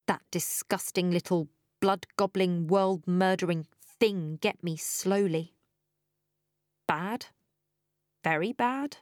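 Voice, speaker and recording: A woman's voice: on the low side, no room sound, studio quality. A woman reading a first-person story aloud, wry and dryly humorous, growing breathless in the tense stretches. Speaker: audiobook narrator. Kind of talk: first-person audiobook narration.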